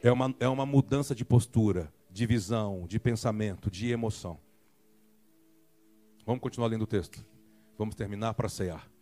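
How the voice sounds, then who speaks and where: Brazilian pastor preaching with emphatic calls. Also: male voice, fairly low pitch, moderate pace, pauses often, mellow, soft background music. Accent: Brazilian Portuguese. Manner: acts out voices and jokes playfully. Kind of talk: sermon. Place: church.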